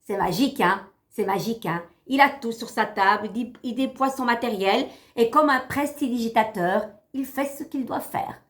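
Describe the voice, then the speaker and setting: Tarot reader, a woman, fairly high voice, theatrical and chatty with viewers. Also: moderate pace, hardly any pauses. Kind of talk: live stream card reading.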